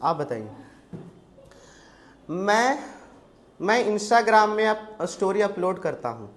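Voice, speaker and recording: An Indian man teaching spoken English in a classroom, drilling students with quick questions. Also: sits high, very animated, fairly bright tone.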